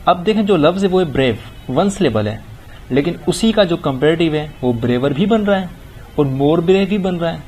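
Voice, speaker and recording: A middle-aged man teaching an English grammar lesson, reading example sentences slowly and deliberately. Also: fairly high pitch, lively intonation, a little mellow, a little hiss or hum. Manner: explains in Urdu-leaning Hindi, reads English examples slowly and deliberately. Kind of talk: recorded grammar lecture.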